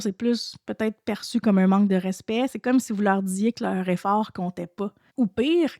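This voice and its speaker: A woman with a Quebec French accent hosts a casual solo podcast as a French teacher, chatting to listeners with lots of restarts and "tu sais" fillers. Her medium-pitched voice is creaky and darkish. The studio-quality recording has no echo.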